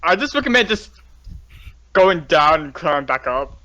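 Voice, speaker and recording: A man's voice: a little high, very animated, unhurried, sharp tone. A man chatting casually as a player in a tabletop game, often starting hesitantly. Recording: dull, muffled audio.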